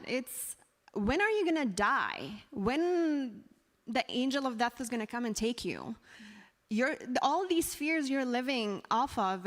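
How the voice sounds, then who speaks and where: A woman from Afghanistan, a guest speaker, telling her story in a halting, earnest way with many fillers. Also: high-pitched. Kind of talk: sharing a personal story on stage. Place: church hall. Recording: long hall reverb.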